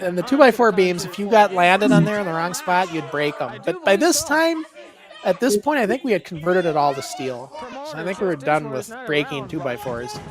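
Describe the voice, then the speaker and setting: A man's voice: sits high, expressive, normal speed, a crowd in the background. Chatty man in his fifties reminiscing. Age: 50s. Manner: rambling, chatty, frequent restarts. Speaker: co-host and former wrestler. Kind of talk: casual reminiscing commentary.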